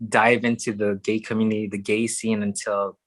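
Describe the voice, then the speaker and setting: A young man from Hawaii, a drag performer and podcast guest, chatting casually and warmly and laughing often. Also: lowish voice, level tone, moderate pace, dry recording. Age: young adult. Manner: chatty, warm, laughs often between phrases. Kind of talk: casual chat.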